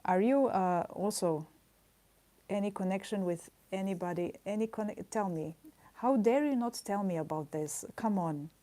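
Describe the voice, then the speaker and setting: This livestreaming artist speaks at normal speed in a medium-pitched, dark-toned voice while she draws. She talks casually to viewers, drifting into playful asides, and laughs frequently while teasing chat with mock indignation.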